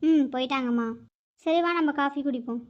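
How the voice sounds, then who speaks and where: A woman's voice: sits high, a little fast, lightly acted. A woman voicing a stern, proud old grandmother in a cartoon who defends her family in a firm, scolding way. The recording is dull and lo-fi. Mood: calm. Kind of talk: animated cartoon dialogue. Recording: dull lo-fi audio.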